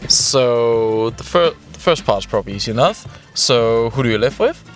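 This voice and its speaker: A man's voice: mid-range voice, expressive, normal speed, soft background music. A young man from Denmark, a native Danish speaker, chatting casually with a hesitant manner and many fillers. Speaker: volunteer. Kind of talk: casual group chat.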